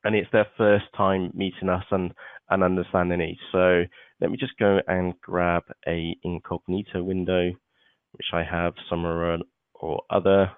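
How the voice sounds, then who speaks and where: Over a thin, phone-quality web call, a man with a low voice walks through a live online seminar at normal speed and a level tone. The recording is dry, and he chats freely, leaning on "okay" and "uh."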